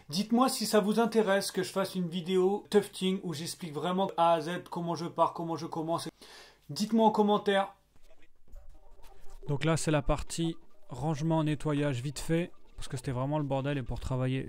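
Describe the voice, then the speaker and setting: A man narrating his craft vlog in a casual, slangy way, easily excited about his new gear. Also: fairly high pitch, moderate pace. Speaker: vlogger.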